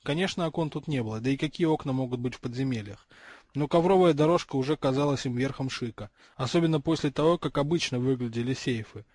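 A man reading a fantasy audiobook aloud, with steady, expressive storytelling. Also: mid-range voice, quick pace, dry recording. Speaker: audiobook reader. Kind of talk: audiobook narration.

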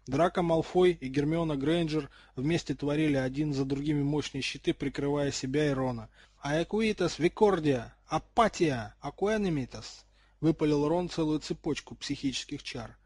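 A man narrating an audiobook with an even, expressive reading. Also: fairly high pitch, husky, no echo. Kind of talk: audiobook narration of fan fiction.

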